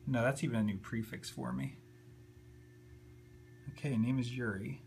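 This man's voice is medium in pitch and a little mellow, moving at a normal pace. He gives an offhand, unscripted tutorial from his computer desk indoors, occasionally muttering to himself, while a handheld camera slightly off-screen captures him along with faint background hum and noise.

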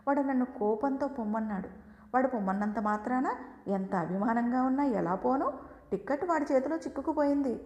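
A woman reading a story aloud, telling it in an expressive first-person way. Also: mid-range voice, gravelly. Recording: echoey room with long reverb.

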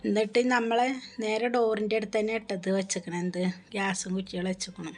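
A woman, telling her viewers a story in a chatty, animated way with many restarts. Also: medium pitch, a little fast. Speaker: vlogger.

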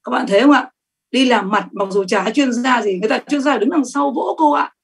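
A middle-aged woman giving a sales training talk, lively and emphatic, often asking the audience questions. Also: fairly high pitch, a little fast, breathy edge.

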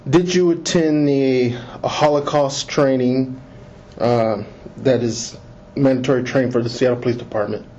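A man with a mid-range voice reads an official interview script in a slow, measured way. The audio sounds like an interrogation tape from a desk recorder, muffled and lo-fi, with a faint hiss underneath. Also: medium pitch, fairly even intonation, darkish tone. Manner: slow, deliberate, measured reading. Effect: interview taped on an audio recorder, like an interrogation tape. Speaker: police lieutenant conducting an internal investigation interview. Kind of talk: formal official interview, reading set admonitions.

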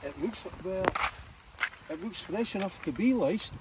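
A man's voice: high voice, a little slow. Scottish man chatting on a riverbank. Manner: chatty, relaxed, uses dialect words. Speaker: angler. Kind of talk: casual chat. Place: outdoors on a riverbank. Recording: distant voice with outdoor noise.

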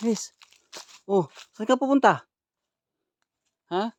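A man filming a ghost-hunting vlog outdoors in a forest. He talks to his viewers in low, hushed asides and calls out loudly and urgently. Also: animated, takes it slowly, a little hiss or hum. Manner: low hushed asides to the camera, then loud urgent calling out. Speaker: ghost hunter vlogger. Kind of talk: live walkthrough vlog addressed to viewers.

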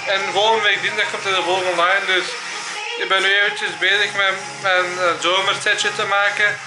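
A man's voice: high-pitched, little pitch movement, moderate pace, music in the background. A man in his twenties with a Flemish accent, chatting casually to his vlog and dropping in English phrases. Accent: Flemish Belgian. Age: 20s. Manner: peppers talk with English phrases. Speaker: vlogger. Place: small room at home. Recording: roomy, echoey home recording.

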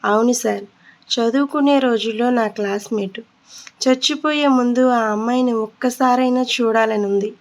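A woman voicing a young male prisoner on death row who answers quietly and with resignation. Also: a little high, steady tone, moderate pace, lightly acted. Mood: resigned.

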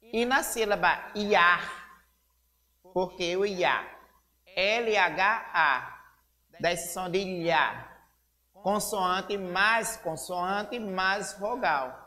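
A woman teacher with a Brazilian accent giving a slow, deliberate literacy lesson, spelling out syllables. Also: on the low side, bright, forceful tone, long reverb tail. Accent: Brazilian Portuguese.

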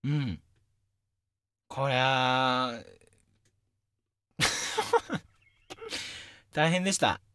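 Animated man hosting a radio talk. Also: mid-range voice, extremely slow, long pauses, no room sound, studio quality. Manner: lively, animated storytelling with self-deprecating asides. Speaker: radio show host. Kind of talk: casual solo radio talk. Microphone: studio microphone.

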